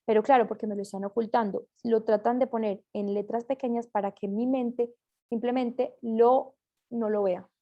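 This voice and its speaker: A woman's voice: a little high, fairly even intonation, normal speed, highs cut off. A woman reading a class presentation aloud, with small slips and self-corrections as she goes.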